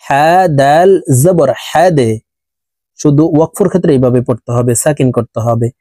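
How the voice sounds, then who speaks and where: A man teaching Quran recitation, spelling out letters and vowel marks one by one, then chanting the words slowly, with brisk explanations in between. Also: on the high side, warm tone, no echo. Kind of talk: slow spelled-out recitation lesson.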